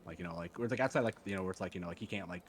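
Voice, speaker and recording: A very low-pitched man talks quickly as a player in a tabletop game. His casual speech rambles and hedges, with faint noise behind it. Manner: rambling, hedging, heavy use of "like".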